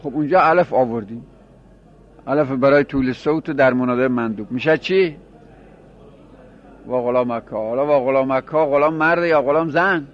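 Man teaching a grammar lesson, lo-fi. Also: medium pitch. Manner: explains by repeating examples and asking questions.

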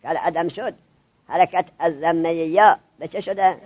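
A man teaching a classroom grammar lesson to seminary students, drilling them with quick questions. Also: a little high, lo-fi sound.

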